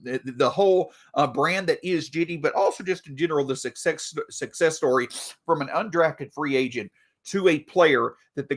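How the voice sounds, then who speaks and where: A man hosting a solo sports podcast, talking through team news in an animated way, a bit stuffy from allergies. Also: a little high. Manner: animated, reads an ad mid-show. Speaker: podcast host.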